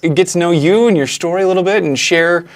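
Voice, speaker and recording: A man's voice: high voice, quick pace. A man hosting a podcast, asking questions in an upbeat, enthusiastic way. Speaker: podcast host. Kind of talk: casual interview.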